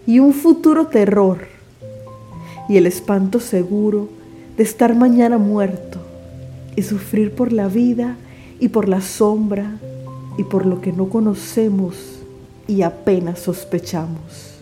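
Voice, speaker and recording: Woman in grand, dark-toned poetry declamation. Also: medium pitch. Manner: solemn, emphatic delivery with drawn-out words. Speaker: poetry podcast host. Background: background music.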